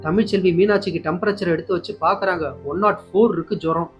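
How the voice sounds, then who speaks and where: A man casually retelling a TV serial episode in a lively, rapid way. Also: high voice. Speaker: serial recap narrator. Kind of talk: casual storytelling recap. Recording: dull lo-fi with faint music.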